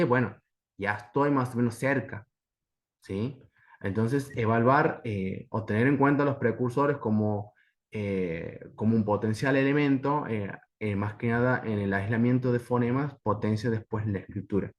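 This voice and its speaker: A man's voice: mid-range voice, moderate pace. A man from Argentina giving a teacher-training lecture over slides, explaining step by step and often asking his listeners whether they follow. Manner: explanatory, keeps checking in with a tag question.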